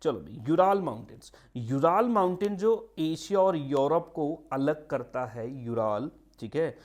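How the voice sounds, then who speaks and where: A man's voice: on the high side, animated, darkish tone. Male tutor drilling key terms. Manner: repeats key terms, mixes English phrases, frequent "ठीक है"; drawn-out slow emphasis on names, quick asides. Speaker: exam-prep teacher. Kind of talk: online geography lecture.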